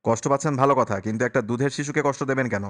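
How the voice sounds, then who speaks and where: A grave, protective young uncle, read by a male narrator in a voice close to his own, earnest and firm. The man's voice is mid-pitched, and it rings with a long echo. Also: rapid-fire, a bit bright, natural voice.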